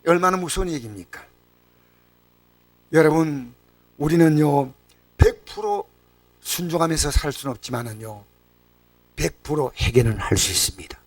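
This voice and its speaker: A male pastor preaches with a high, ringing voice, rising to loud cries and dropping to near-whispers. His speech carries regional Korean dialect. The sound is dry and set back from the microphone. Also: lively intonation, normal speed, long pauses, dry recording, distant mic. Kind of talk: sermon.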